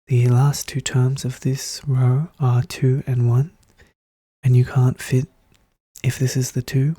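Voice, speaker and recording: A hushed, soft-spoken, breathy voice, often whispering, calmly and methodically thinking aloud in an ASMR puzzle walkthrough. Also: medium pitch, dry recording. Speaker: puzzle solver narrating own play.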